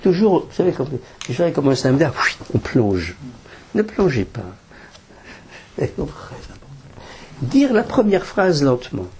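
A man's voice: fairly high pitch, sing-song, moderate pace, dark tone, a little hiss or hum. An older man, a rabbi, teaching a Torah class with practical advice and Hebrew terms woven in. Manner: explanatory, practical tips, mixing in Hebrew terms.

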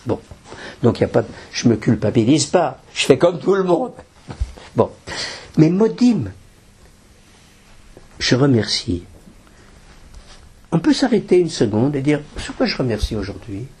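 Husky older rabbi giving a class. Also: male voice, mid-range voice, sing-song, unhurried, long pauses, a little mellow. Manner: explanatory, practical tips, mixing in Hebrew terms. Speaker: rabbi teaching students. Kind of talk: Torah class.

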